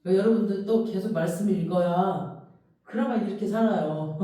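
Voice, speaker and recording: Animated pastor in a very echoey church. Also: mid-range voice, normal speed. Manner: emotional, animated storytelling with shouted imagined outbursts. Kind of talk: sermon. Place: church sanctuary. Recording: very echoey hall, distant mic.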